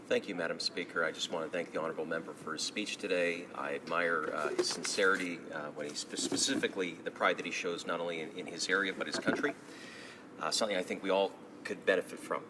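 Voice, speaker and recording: A man's voice: low voice, fairly even intonation, fast, background noise. A man speaking as a member of parliament, putting a question in a formal parliament speech. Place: legislative chamber.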